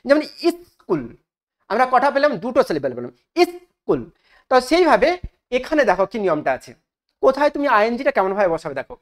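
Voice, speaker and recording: Lively, high-pitched woman teaching grammar. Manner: asks the class questions and repeats rules slowly for emphasis. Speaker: English teacher. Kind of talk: spoken grammar lesson.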